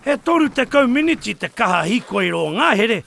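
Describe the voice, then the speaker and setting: A man's voice: very high-pitched, very animated, a little fast, creaky, a bit bright, a little hiss or hum. A man delivering spirited documentary narration. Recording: music under the voice.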